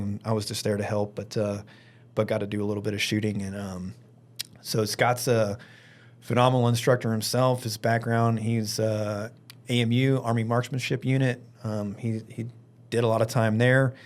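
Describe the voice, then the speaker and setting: A man from Alabama talking casually as a podcast guest, rambling informally and leaning on filler words like "like" and "you know". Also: on the low side. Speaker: firearms instructor and event organiser, interview guest.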